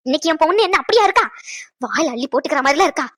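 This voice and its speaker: A woman's voice: high-pitched, expressive, rapid-fire, a bit bright, no echo, clean studio sound. An actress playing a mother who is upset and scolding about her married daughter, in a serial drama. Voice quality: scolding, exasperated.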